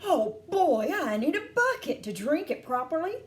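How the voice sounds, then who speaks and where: Woman doing gluttonous young boy, high voice, loud, eager, exclaiming, storybook. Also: big pitch swings, normal speed, reverberant. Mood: greedy delight.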